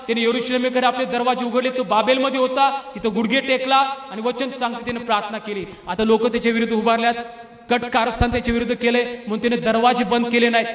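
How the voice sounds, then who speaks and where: A man's voice: very high voice, fairly bright tone, roomy sound, long reverb tail. A male pastor preaching a sermon with fervent, repeated exhortations.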